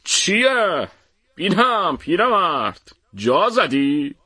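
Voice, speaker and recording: A man voicing a hot-tempered, bullying male shopkeeper in an audiobook, with a shouting, threatening delivery. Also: sits high, big pitch swings, husky, voice pushed up, exaggerated voice. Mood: mocking. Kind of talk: audiobook character voice.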